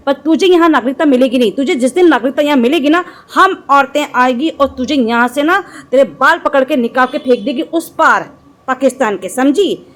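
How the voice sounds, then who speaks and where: A woman vlogger delivering an angry reaction commentary, scolding and mocking with insults. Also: sits high.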